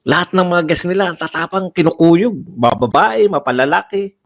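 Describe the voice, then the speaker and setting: A man's voice: high-pitched, animated, brisk, vocal fry. A man giving heated livestream political commentary, firing off rhetorical questions and repeating phrases for emphasis.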